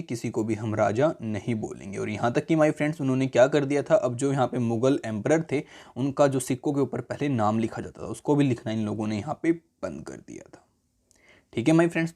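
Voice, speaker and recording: A man's voice: medium pitch, darkish tone. Indian man teaching a textbook lesson. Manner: reads the English text slowly, then explains in chatty mixed Hindi-English; keeps checking in with the class. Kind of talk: textbook lesson, reading then explaining.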